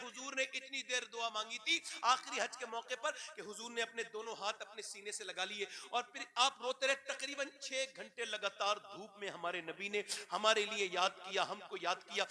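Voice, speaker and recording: A male Islamic preacher telling a story in an emotional sermon, swinging between loud exhortation and hushed, tearful passages. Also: very high voice.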